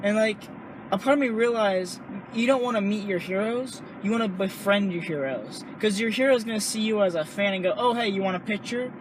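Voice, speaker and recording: A man's voice: high voice, fairly quick, noisy background. A man, a stand-up comedian guest, riffing emphatically in casual podcast chat. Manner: emphatic, riffing, repeats himself.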